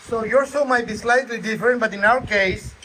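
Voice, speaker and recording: Man, high-pitched, informal DIY demonstrator, joking and checking in often, phone video with faint noise. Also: brisk, bright, forceful tone, rough recording. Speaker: co-host demonstrating a DIY repair. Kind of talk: casual how-to chat.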